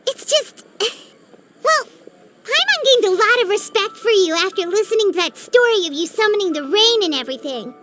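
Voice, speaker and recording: A woman voicing a tiny, chatty, cheeky female fairy companion who talks about herself by name. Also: extremely high pitch. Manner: blunt, gossipy, speaks of herself by name. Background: game music.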